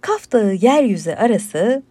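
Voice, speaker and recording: A woman's voice: mid-range voice, very animated, measured pace, warm tone, husky, no echo. A woman telling a folktale as a storyteller, with a lilting, rhythmic delivery and rhymed closings.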